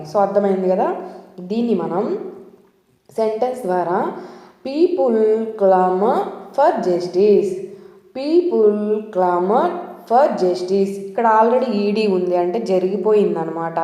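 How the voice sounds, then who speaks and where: A woman with a Telugu accent teaching English vocabulary, patiently explaining words and drilling pronunciation slowly, often checking that viewers follow. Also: mid-range voice, warm tone. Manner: frequent checking questions to the viewer. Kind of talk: explanatory lesson. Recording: echoey room with long reverb.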